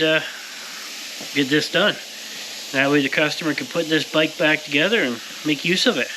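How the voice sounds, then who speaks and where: A man with a fairly high-pitched voice hosts a casual to-camera vlog from his powder coating workshop, talking to viewers in an informal, folksy way over a noisy background.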